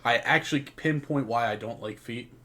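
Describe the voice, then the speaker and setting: A man's voice: mid-range voice, moderate pace, bright, forceful tone. A young man co-hosting a casual podcast, talking in a blunt, joking, profane way. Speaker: podcast co-host.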